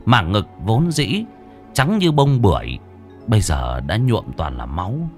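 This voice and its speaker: A man tells a gruesome village ghost story with theatrical relish. His voice sits low but rises and falls dramatically, and soft music plays faintly behind him. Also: very animated, measured pace. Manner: vivid, gory, theatrical delivery.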